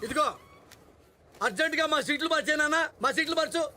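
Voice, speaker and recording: Loud mocking comic rival, very high voice, rattling fast, film music behind. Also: male voice, noisy background. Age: middle-aged. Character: meddling loudmouth comic rival.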